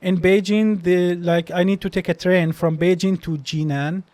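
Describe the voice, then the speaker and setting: Sitting high yet darkish in tone, this young man's voice stays steady at a moderate pace, with no echo. A doctor guesting on a podcast, he speaks Arabic as his first language and has a Palestinian accent. He tells his stories casually, hesitating and restarting many times.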